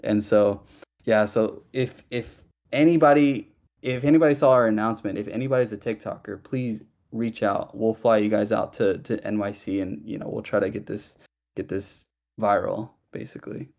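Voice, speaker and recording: A man's voice: lowish voice, steady tone, normal speed, gravelly, darkish tone. A man hosting a casual online Q&A, chatty and loose, with many fillers and restarts. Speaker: project host. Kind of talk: casual audio-room Q&A.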